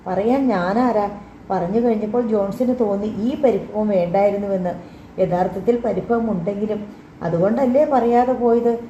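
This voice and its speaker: A woman reads a novel aloud in calm, measured storytelling. Her tone is mellow and warm rather than bright. The recording sounds roomy and a bit dull. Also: medium pitch, a little hiss or hum. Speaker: audiobook narrator. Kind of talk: scripted narration.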